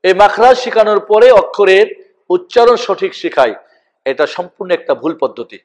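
A man teaching a lesson, slowly calling out each letter name for listeners to repeat. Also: high-pitched, big pitch swings, muffled recording. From Bangladesh. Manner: slow, deliberate, spells out each letter name for repetition. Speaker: Quran teacher. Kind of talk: recitation lesson with call-and-repeat.

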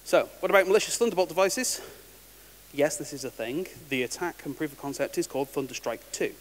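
An animated man whose voice is on the high side presents a technical talk in a large conference hall, a little fast and in a casual, wry manner. He frequently restarts words. Faint hiss and hall reverberation color the audio.

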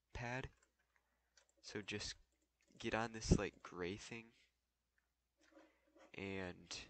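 This young gaming tutorial creator talks through a game casually as he plays, loose and heavy on fillers, as if thinking out loud. He has a lowish voice with a sharp tone.

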